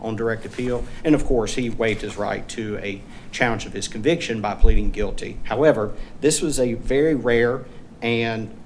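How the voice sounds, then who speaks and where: Formal male lawyer, noisy courtroom recording. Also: medium pitch. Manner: deferential, measured, formal. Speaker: defense appellate lawyer. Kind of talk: formal oral argument.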